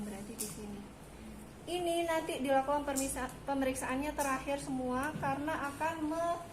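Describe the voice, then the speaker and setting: High-voiced woman teaching in an echoey room. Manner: explains step by step, checking students understand. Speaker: midwifery instructor. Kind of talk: hands-on clinical demonstration. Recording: echoey room with background noise.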